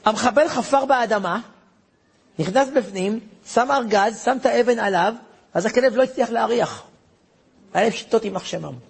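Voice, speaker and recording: A man, a rabbi, tells a story to an audience in an animated way, acting out voices and sound effects. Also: sits high, creaky, breathy edge.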